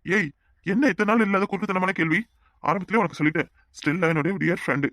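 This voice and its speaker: A man voicing an excitable young husband in a Tamil cartoon, talking fast and fussing emphatically. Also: high-pitched, no room sound, studio quality. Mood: defensive. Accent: Tamil Nadu Tamil. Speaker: Nettappan, husband figure. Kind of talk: cartoon dub voice acting.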